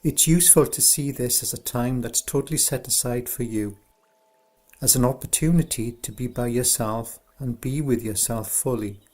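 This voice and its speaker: This is a man with a mid-range voice guiding listeners through a scripted meditation. As the instructor, he keeps things soft, calm and slow.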